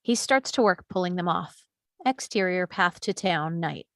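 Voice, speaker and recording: A woman's voice: fairly low pitch, expressive, moderate pace, no room sound. Woman reading stage directions, dry sound. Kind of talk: table read narration.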